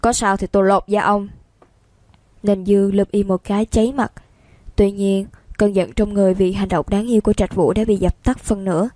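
A woman narrates a romance novel with steady, even storytelling. Her voice is mellow and warm, mid-pitched, and recorded dry and close with no room sound. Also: brisk, no echo.

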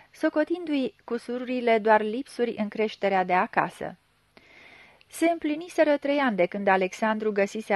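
A woman narrating a literary audiobook in a measured, expressive storytelling manner. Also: mid-range voice, no echo.

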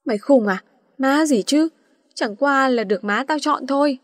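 A composed young male teacher answers with weary, dry calm in a storybook tale, put on by a woman narrator. The voice sits high. The recording is close and dry. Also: brisk, no room sound, natural voice.

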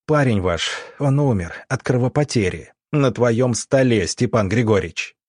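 A man voicing a young male country doctor who accuses sharply and deliberately, full of righteous anger. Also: mid-range voice, animated, a little mellow, no echo, studio quality, natural voice. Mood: furious.

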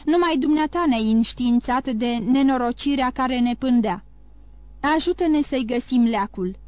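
A woman reads as an aging king who barks his questions in a raised, commanding voice. He is imperious and quick to alarm. The audiobook sound is dry and close. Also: high voice, darkish tone, dry recording, lightly acted. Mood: anxious.

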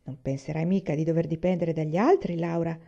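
Mamma, a firm and practical pioneer mother, as a woman reads her lines from a storybook. She speaks calmly and steadily in a warm, mellow voice. The sound is a little dull. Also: sits low, a little fast, gravelly. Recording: slightly dull lo-fi recording.

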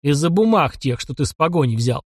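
A man reads as a heavy-set older constable, tired and grumbling. He mutters his words gruffly, with sighs behind them. The reading is dry and close to the mic. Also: fairly high pitch, expressive, fairly quick, no room sound. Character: stout older village constable, weary and grumbling.

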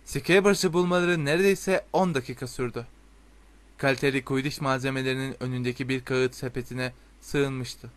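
A man reading a storybook aloud in a steady, expressive way. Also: mid-range voice, normal speed. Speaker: audiobook narrator. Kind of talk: storybook narration.

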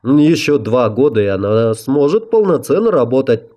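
A man's voice: medium pitch, very animated, dark tone, pitched above the performer's own voice, lightly acted. Man voicing a cautious old-guard marshal. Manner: cautious, measured proposing.

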